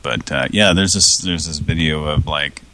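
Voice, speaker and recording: A man's voice: normal speed, bright, forceful tone, dry recording. A man chatting casually as a podcast co-host, rambling and hesitant with filler words. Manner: rambling, hesitant, bursts into goofy high yelps. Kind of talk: casual chat.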